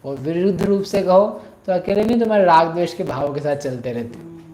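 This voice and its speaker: A woman teaching scripture, explaining a story and chanting verses in a drawn-out sing-song, often asking her listeners questions. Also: on the low side, animated, mellow. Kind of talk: religious discourse with chanted verses. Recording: roomy echo.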